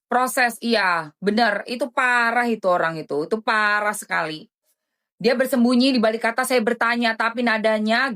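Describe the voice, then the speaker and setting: A woman with a slightly high voice gives gossipy live-stream commentary. She sounds dramatic and indignant, and she drops endearments between her remarks. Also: fairly bright tone.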